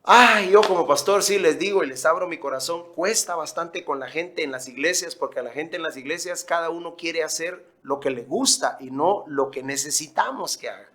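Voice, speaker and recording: A man's voice: on the high side, moderate pace, hardly any pauses, a bit bright. Emphatic preaching pastor, man. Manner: emphatic preaching with storytelling asides. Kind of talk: sermon.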